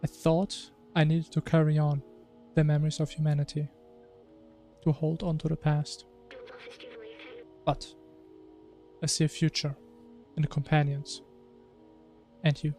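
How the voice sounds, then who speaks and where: A man voicing a small, loyal robot drone companion, reading its lines out plainly in a fairly high voice. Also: monotone, a little slow, long pauses, dark tone, soft background music. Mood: hopeful.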